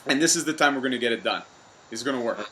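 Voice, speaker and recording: Male podcast host, mid-pitched, upbeat and friendly, light background hum. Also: fast, bright, forceful tone. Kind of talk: conversational interview. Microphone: video call.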